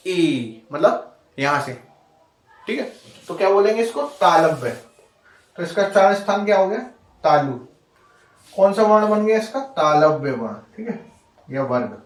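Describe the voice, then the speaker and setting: A man with a high voice teaches a grammar lesson in a patient, repetitive way. He keeps asking rhetorical questions and checking that the class is following. The recording carries a roomy echo. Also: recorded from a distance.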